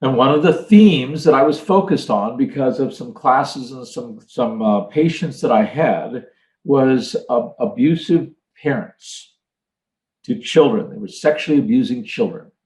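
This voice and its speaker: A man's voice: medium pitch, measured pace, a little mellow, roomy sound, low-quality recording. An older man giving an earnest leadership talk, telling stories and acting out quotes. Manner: earnest, storytelling with acted quotes. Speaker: leadership trainer. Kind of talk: motivational talk.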